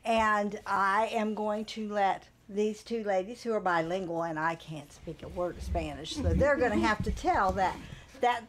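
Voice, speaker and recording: A woman, a program supervisor, guesting on a local TV talk show and explaining her service in a plain, steady way. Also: medium pitch, moderate pace, slight background noise.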